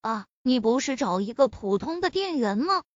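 A woman's voice: a little high, very animated, moderate pace, no echo. A woman voicing an earnest, slightly bashful young male graduate in an audiobook. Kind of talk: audiobook reading. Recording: dull lo-fi recording.

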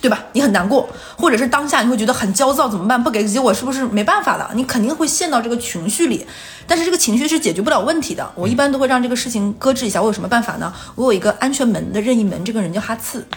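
A female podcast co-host in casual chat, her voice a little high and her talk racing along. She tells stories with lively energy and slips into other people's voices as she quotes them. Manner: fast, animated storytelling, acting out quotes.

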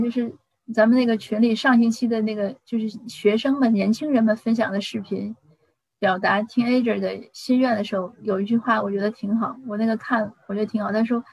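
Husky-voiced woman giving parenting advice. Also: medium pitch, dry recording, rough recording. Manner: conversational, with frequent restarts and anecdotes. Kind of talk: casual advice talk.

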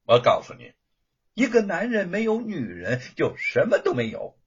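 A cackling, spoiled young lordling, as a man puts him on mocks his rival in a storybook tale. The voice rides high and swoops wildly up and down, with a husky, breathy grain. The recording sounds dull and muffled. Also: sing-song, slow, heavily acted. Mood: gloating. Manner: taunting, cackling, sneering. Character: gloating spoiled young male lordling, cruel mocker.

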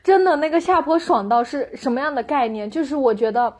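A woman's voice: high-pitched, brisk, a little mellow. A woman chatting casually in a reflective, earnest and effusive way. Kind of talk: casual chat.

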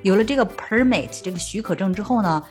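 A fast-talking young Chinese woman with a medium-pitched, slightly mellow voice hosts a bilingual podcast for language learners, with faint music behind her. Her English carries a Chinese accent, she mixes in Chinese, and she is friendly, dropping frequent mm-hmms.

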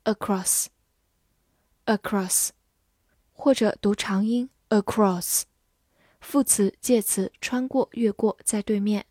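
A woman teacher reading a vocabulary drill, saying each English word twice in a measured, clear manner before reading its meanings. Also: mid-range voice, fairly even intonation, dark tone, no echo, clean studio sound.

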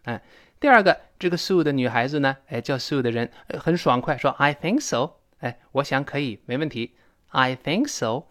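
A man teaching spoken English in an upbeat, conversational way. He breaks words apart and repeats sounds slowly as he drills pronunciation, then moves briskly back into his explanation. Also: medium pitch. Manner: lively, chatty teaching tone.

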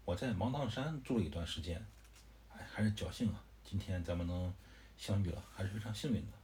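A man's voice: deep voice, fairly quick, a little mellow, a little hiss or hum, lightly acted. A man voicing a hot-tempered male general glad to meet his sworn brother again. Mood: relieved.

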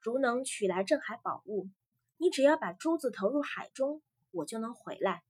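Gentle, tearful young sea maiden read by a woman; soft, pleading, slightly raised pitch. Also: expressive, moderate pace, breathy edge, no room sound. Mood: urgent.

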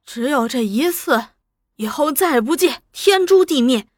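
A woman's voice: sits high, lively intonation, unhurried, no echo, studio quality. A woman voicing an old man addicted to opium, pleading in a servile, wheedling way in a storybook reading.

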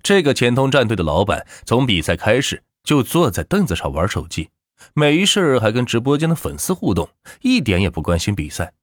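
A man reading a web novel aloud in animated audiobook narration, close to the mic. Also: medium pitch, brisk, dry recording. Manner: animated storytelling with expressive rises and falls.

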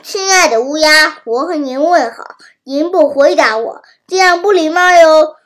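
A woman's voice: sits high, unhurried. A woman doing a sly, wheedling fox. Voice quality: sweet, wheedling flattery. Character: sly greedy flattering fox. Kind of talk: children's storybook reading.

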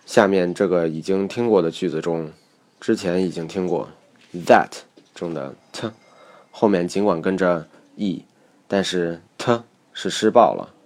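A man teaching English pronunciation in a measured, explanatory lesson narration. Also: sits low, darkish tone.

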